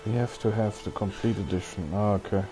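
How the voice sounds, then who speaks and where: A man livestreams a video game, rambling casually with viewers, often hesitant as he thinks aloud. His lowish voice is brisk with fairly even intonation, and music plays in the background.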